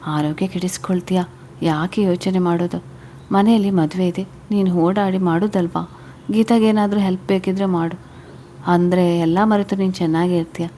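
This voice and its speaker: A woman voicing a gentle young husband who gives calm, reassuring explanations. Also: fairly low pitch, normal speed, a little hiss or hum, close to an everyday voice. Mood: coaxing.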